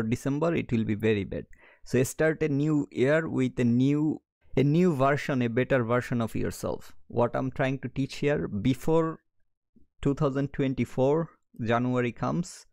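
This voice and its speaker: Bangladeshi guy walking thru a trading lesson, kinda gravelly, dead dry mic, talks direct n checks in a lot. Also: medium pitch, darkish tone, no echo. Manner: direct, repeats "okay" to check in. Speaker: trading educator. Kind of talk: screen-share trading tutorial.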